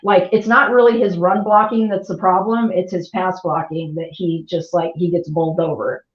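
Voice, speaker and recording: A woman's voice: on the low side, steady tone, normal speed. A woman chatting casually as a podcast panelist, telling stories in a rambling way and laughing often. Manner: rambling, giggly storyteller. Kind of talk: casual chat. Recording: echoey, dull-sounding room.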